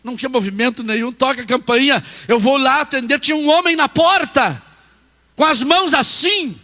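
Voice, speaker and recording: A middle-aged man from Brazil, preaching a storytelling sermon and swinging from hushed asides to shouted peaks. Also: extremely high pitch, moderate pace. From southern Brazil. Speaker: pastor.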